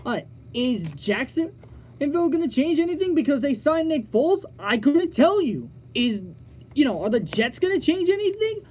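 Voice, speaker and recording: Animated young man hosting college sports radio. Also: extremely high pitch, moderate pace, slight background noise. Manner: animated, stumbling restarts, talks straight to listeners. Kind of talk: sports talk radio monologue.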